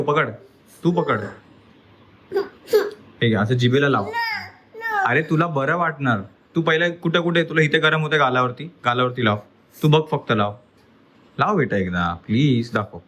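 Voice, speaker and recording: A man speaking in a casual home vlog, a father gently coaxing and soothing his young daughter indoors. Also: medium pitch, animated, moderate pace, long pauses, a little hiss or hum, poor audio. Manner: coaxing and soothing toward a child. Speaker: father and family vlogger.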